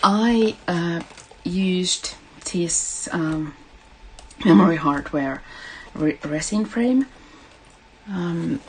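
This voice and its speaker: A middle-aged woman with a Finnish accent hosting a casual craft tutorial, speaking in a gentle, halting way. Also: lowish voice, expressive, a little hiss or hum, low-quality recording. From Finland. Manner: gentle, hesitant, halting delivery with affectionate address to viewers. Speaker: craft livestream host.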